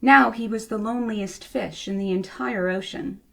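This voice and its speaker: A woman reading to children as a storyteller, with expressive narration. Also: mid-range voice, normal speed, creaky. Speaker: storybook reader.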